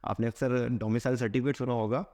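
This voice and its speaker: A man teaching vocabulary for competitive exams. He asks a question, answers it himself, and reads English phrases slowly, word by word. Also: mid-range voice, steady tone, a little mellow. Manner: asks a question, then answers it with a repeated keyword. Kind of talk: explaining a vocabulary lesson.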